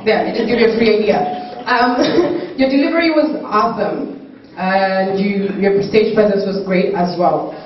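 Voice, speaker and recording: A woman's voice: mid-range voice, normal speed. A woman judging a talent show, giving encouraging feedback and practical coaching tips to a contestant. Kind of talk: live spoken feedback to a contestant. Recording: echoey hall, distant dull microphone, faint noise.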